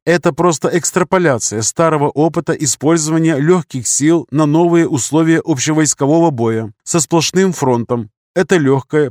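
A man's voice: a little high, a little mellow, no room sound, clean studio sound, voice pushed up, close to an everyday voice. A man doing a prim young English officer. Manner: formal, lecturing, precise.

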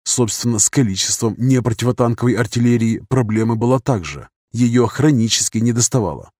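Guy reading an audiobook, steady narration, mid voice, very dry close mic. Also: medium pitch, brisk, no room sound. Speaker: audiobook reader. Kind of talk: scripted narration.

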